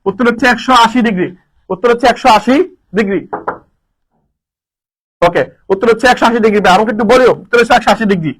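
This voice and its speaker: A man teaching a live online lesson, energetic, repeating answers and quizzing his students. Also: sits high, fast, pauses often, low-quality recording. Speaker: admission coaching teacher.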